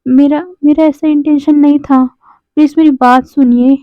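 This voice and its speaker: A woman's voice: high-pitched, fairly even intonation, normal speed, no room sound, close to an everyday voice. A woman voicing a pleading young husband. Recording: dry, phone-like narrow sound.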